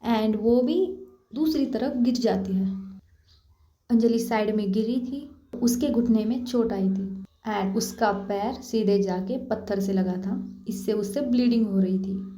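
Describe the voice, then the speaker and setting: A woman's voice: a little high, mellow. Chatty woman narrating a story. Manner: chatty, speaks to listeners directly. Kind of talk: casual story narration with asides. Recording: echoey room, dull lo-fi.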